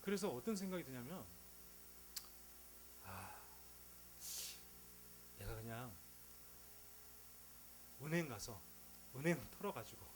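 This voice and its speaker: A man preaches a sermon in a conversational, joking manner, often asking rhetorical questions. His pitch moves up and down in a lively way, and a faint hum runs underneath. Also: slow pace, long pauses, low-quality recording. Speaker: pastor.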